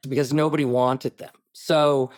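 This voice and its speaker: A man, a writer-director being interviewed, telling stories in an animated way with quick asides and restarts. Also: medium pitch, dry recording, studio quality. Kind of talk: casual interview talk.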